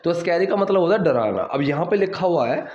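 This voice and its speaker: Male language tutor, brisk explanations, slow deliberate readings, echoey lo-fi room. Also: on the high side, lively intonation, darkish tone. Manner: explains quickly, then reads English lines slowly and deliberately. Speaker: English teacher. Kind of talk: bilingual language lesson. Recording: roomy, slightly dull home recording.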